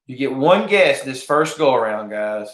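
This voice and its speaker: A man's voice: mid-range voice, animated, a little slow, a bit bright. A man hosting a casual livestream, chatting informally with viewers and often repeating himself. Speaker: livestream host of a fishing giveaway. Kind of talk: casual live chat with viewers. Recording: roomy, echoing room sound.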